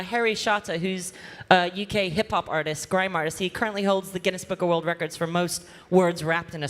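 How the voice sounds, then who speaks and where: A woman moderating a conference panel on stage, chatty and energetic, with many fillers. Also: fairly low pitch. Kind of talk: live conference panel talk. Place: large conference hall. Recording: reverberant hall.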